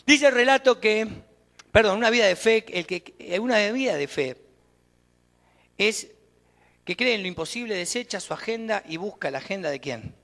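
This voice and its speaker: A man's voice: high-pitched, lively intonation, normal speed, pauses often, fairly bright tone. A man with an Argentine accent preaching a sermon as pastor, emphatic and putting questions straight to the congregation. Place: church sanctuary. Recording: long church reverb.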